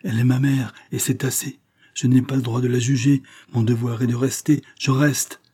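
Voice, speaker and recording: An anguished young noblewoman from a classic audiobook, put on by a male reader. She speaks higher and louder than the reader's own deep, husky tone, pleading and firm. Her resolve never breaks. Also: moderate pace. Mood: resolute. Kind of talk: audiobook reading of a classic novel.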